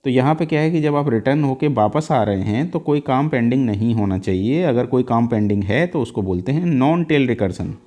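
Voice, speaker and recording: धीमे-धीमे समझाता, गहरी आवाज़ वाला आदमी. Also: male voice, mid-range voice, expressive, mellow. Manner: mixes Hindi and English, steps slowly through each value with many "uh" fillers. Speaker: teacher. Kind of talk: exam-prep lecture walking through code.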